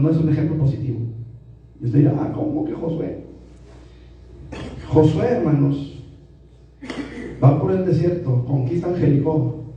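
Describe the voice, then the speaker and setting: A man's voice: on the high side, muffled recording. A Mexican man, a pastor, preaching a sermon in a church and addressing the congregation with rhetorical questions. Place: church sanctuary. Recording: very echoey hall, distant mic.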